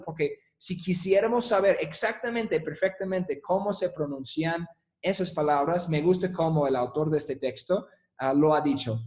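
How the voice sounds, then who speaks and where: A man with a slightly higher-than-usual voice, teaching a recorded Greek lesson. He talks in a relaxed, conversational way, full of fillers and restarts. He often stops to correct himself. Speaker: Greek instructor. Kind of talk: recorded online lecture.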